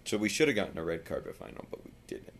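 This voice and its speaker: Tired man, very deep gravelly voice, rambling casual vlog chat, faint background hiss. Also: big pitch swings, quick pace, fairly bright tone. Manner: rambling, drops voice very low at times. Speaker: vlogger.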